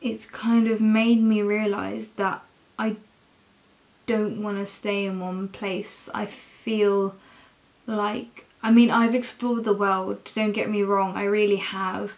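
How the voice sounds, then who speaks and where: A young adult woman with an English accent, talking casually and candidly in a halting, confessional vlog style. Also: mid-range voice, little pitch movement, darkish tone, rough recording. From England. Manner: slow, halting, candid, with frequent swearing. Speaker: university student vlogger.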